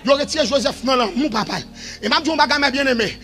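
A man preaching a revival sermon in a shouted, sing-song style that falls to quieter stretches. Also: very high voice, brisk, faint music behind.

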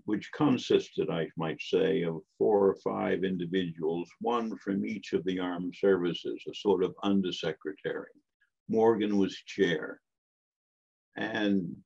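An older man lectures slowly and deliberately, his low voice gravelly and a little husky. The recording sounds dull and lo-fi. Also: darkish tone. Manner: measured, emphatic, with frequent asides. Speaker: guest lecturer. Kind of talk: academic history lecture.

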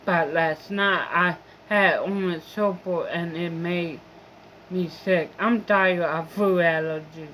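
Very slow-talking young woman venting. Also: on the low side, fairly even intonation, a bit bright, slight background noise. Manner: rambling, profane and complaining. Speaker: vlogger. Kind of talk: casual venting monologue.

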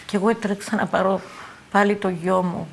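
Gravelly older Cypriot Greek woman. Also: mid-range voice, steady tone, slight background noise. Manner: halting, repeats words and phrases. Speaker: eyewitness interviewee. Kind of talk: emotional eyewitness testimony.

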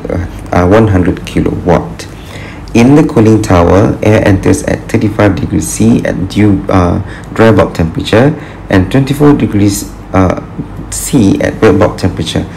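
A man's voice: sits low, creaky, darkish tone, a little hiss or hum, low-quality recording. A man teaching an engineering tutorial over a screen recording, patient and thinking aloud with fillers as he works through problems. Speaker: engineering lecturer.

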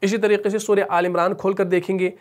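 A man with a Pakistani Urdu accent teaching a tajweed lesson, patiently explaining and asking and answering his own questions, with slow chanted recitation of verses. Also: high voice, little pitch movement.

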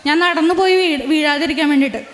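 A young woman giving a personal religious testimony in an earnest, halting storytelling manner with frequent restarts. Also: high-pitched. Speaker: testifying believer. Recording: reverberant room.

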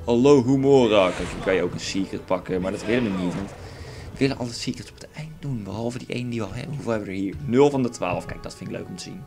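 A young Dutch-accented man with a lowish, creaky voice races through casual let's play commentary on his own playthrough. He rambles, jokes and gets crude, while faint game music sounds in the background.

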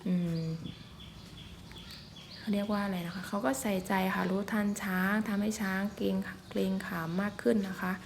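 A woman filming elephants keeps up polite, casual chatter with frequent soft particles while narrating her outdoor forest vlog. She speaks at a moderate pace in a creaky, medium-pitched, level voice, with a little hiss or hum present.

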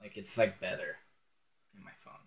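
Teen guy chatting over his game in his bedroom, lots of ums and giggles, lowish voice, phone mic on a stand. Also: moderate pace. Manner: rambling and giggly, with many ums. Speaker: gaming channel host. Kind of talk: casual game commentary. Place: bedroom at home.

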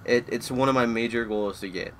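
A young man in his twenties talks casually over a shooter match, drifting between personal chat and reacting to the game. His voice sits at an everyday middle pitch, with faint game noise underneath. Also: brisk. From Florida, USA. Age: 20s. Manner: rambling, easily distracted by the match. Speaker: gaming YouTuber. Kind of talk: live gameplay commentary.

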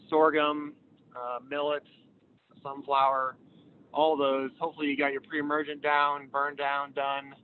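A man calling in by phone while driving on the interstate, presenting on weed control in a hesitant way with many filler sounds. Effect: phone call from a moving car. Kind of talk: informal presentation over the phone. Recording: tinny phone line with road rumble. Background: vehicle road noise.

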